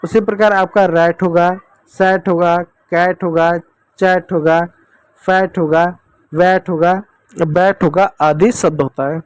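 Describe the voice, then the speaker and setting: A man's voice: high-pitched, flat delivery, slow, smooth, no room sound. A man teaching children English phonics, patiently asking questions and answering them himself. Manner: repeatedly addresses kids as dear children.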